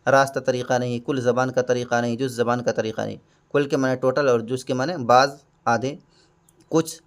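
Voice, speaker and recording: A man's voice: medium pitch, fairly even intonation. A man teaching exam prep, going through each question patiently and glossing every term with a simpler word. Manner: patient, repeats and glosses terms.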